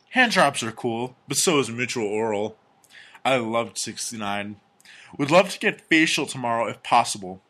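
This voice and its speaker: A man co-hosting a casual comedy podcast, reading strange news stories and personal ads aloud with crude, deadpan jokes. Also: mid-range voice. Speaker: podcast co-host.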